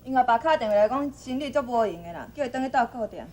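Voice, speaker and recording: An actress playing a worried young mother whose boy has gone missing, talking in a quick, anxious, pleading way. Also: a little high, lively intonation, dark tone.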